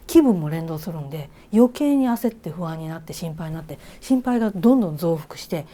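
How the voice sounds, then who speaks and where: Her voice sits low, lively in its intonation and a little fast. She's a reiki teacher from the Kansai region, casually teaching, questioning the listener, and murmuring soft whispered asides.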